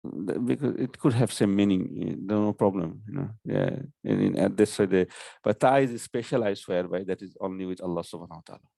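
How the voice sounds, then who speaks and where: A man's voice: deep voice, very animated, fairly quick, creaky, mellow, no echo. A man teaching Arabic grammar in an online class, explaining patiently and saying "okay" often.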